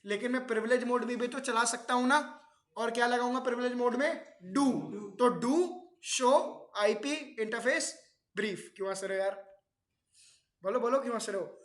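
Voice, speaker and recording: A man's voice: very high-pitched, fairly even intonation, brisk, fairly bright tone, echoey room. A man teaching a networking class, explaining step by step and often quizzing his students with questions. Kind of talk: classroom lecture.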